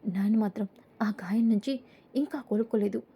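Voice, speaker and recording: A woman's voice: mid-range voice, moderate pace, vocal fry, mellow, slightly rough. A woman reading the lines of a bitter, stubborn young husband while recapping a serial episode.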